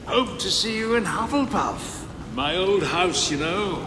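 Guy putting on a friendly little monk ghost, chirpy and sing-songy, storybook reading with loud noise behind. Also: sits high, lively intonation, unhurried, roomy sound, in a large hall, voice pushed up. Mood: cheery. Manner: cheery, friendly. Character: jolly fat little male monk ghost, forgiving. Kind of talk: audiobook character voice.

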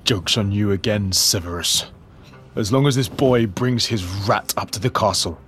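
A man voicing a gaunt, grim male escaped prisoner who speaks low and urgently. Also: moderate pace, fairly bright tone, soft background music, lightly acted.

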